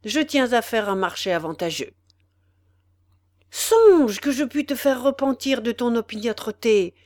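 A woman voicing a cruel, greedy male executioner who haggles over a body, with haughty, loud outbursts. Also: fairly high pitch, animated, a little slow, dry recording, studio quality. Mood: haggling.

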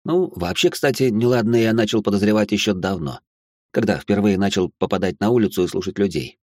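A man's voice: lowish voice, a little fast, darkish tone, no echo. A man narrating an audiobook in a wry, sardonic first-person voice. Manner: wry, sardonic inner monologue.

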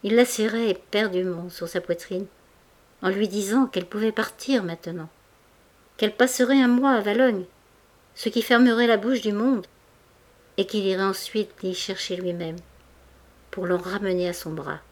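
A woman narrating a classic novel as an audiobook, measured and expressive. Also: medium pitch. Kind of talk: literary audiobook reading.

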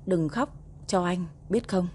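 A woman doing a soft-spoken devoted husband. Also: lowish voice, slow, slight background noise. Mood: tender. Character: devoted husband, tender and quiet.

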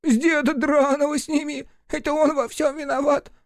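A man voicing a cheeky, loud male imp covered in fur and feathers, squealing his protests. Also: extremely high pitch, flat delivery, moderate pace, no room sound, clean studio sound, pitched above the performer's own voice. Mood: indignant.

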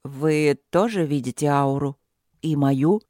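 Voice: mid-range voice, slow, mellow, no room sound, natural voice. Tense wry young duke, mutters a bit, read out by an audiobook narrator, dry sound. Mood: strained. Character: strained young male duke.

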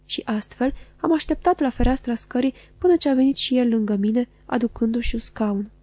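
A woman narrates a classic novel in a measured, expressive audiobook reading. Her voice sits slightly high with a warm, mellow tone. The sound is close and dry. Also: no room sound.

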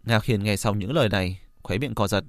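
Low-voiced male audiobook narrator. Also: brisk, dry recording, studio quality. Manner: steady storytelling read. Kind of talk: scripted narration.

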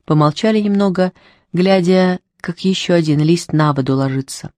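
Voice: mid-range voice, normal speed, a little mellow, dry recording. Dry close-miked storybook narrator. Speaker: audiobook narrator.

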